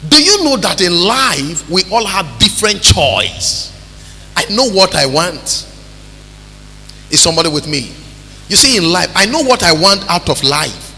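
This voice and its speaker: A Nigerian man preaching a sermon as pastor, calling out to the congregation and building to shouts. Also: high-pitched, big pitch swings, unhurried, a little hiss or hum. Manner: preaching with call-and-response, rising to shouts. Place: church hall. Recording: reverberant church hall with music.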